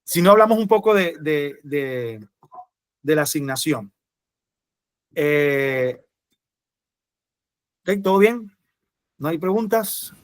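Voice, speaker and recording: A man's voice: fairly high pitch, expressive, takes it slowly, pauses often, dry recording. A man teaching a church class, casually wrapping up and inviting questions. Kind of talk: closing a class lesson.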